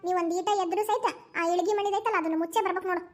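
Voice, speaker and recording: This cartoon character is a fussy, doting grandmother and mother-in-law, performed by a woman with a North Karnataka Kannada accent. She speaks very high at a racing pace in a steady tone, her quick, busy patter moving back and forth between chiding and coaxing.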